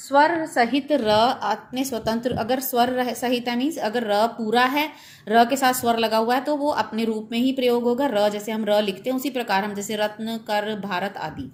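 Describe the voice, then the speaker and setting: Indian woman teaching a class, higher voice. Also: moderate pace. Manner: explains step by step, mixing in English words. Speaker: school Hindi teacher. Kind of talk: online class lesson.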